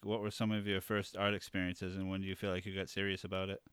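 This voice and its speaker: Deep-voiced male podcast host. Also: little pitch movement, quick pace, a bit bright, smooth, no echo. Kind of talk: podcast intro and interview.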